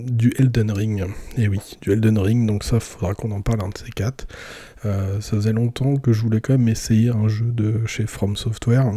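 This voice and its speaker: A man hosts a casual solo podcast in a low, very dark and slightly husky voice. He talks hesitantly, with plenty of fillers and restarts. The sound is dry and close, with no room echo. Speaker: podcast host.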